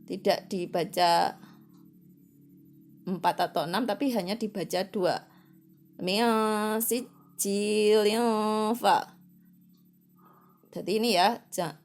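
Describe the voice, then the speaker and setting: A woman's voice: on the low side, darkish tone. A woman teaching children to read the Quran, giving a patient lesson and stretching syllables out one by one to demonstrate them.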